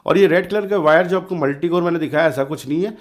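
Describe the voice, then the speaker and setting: Speaking a little high and quickly, a man hosts a DIY electronics channel with a hands-on tutorial. His style is casual, informal and colloquial, and he often repeats himself for emphasis.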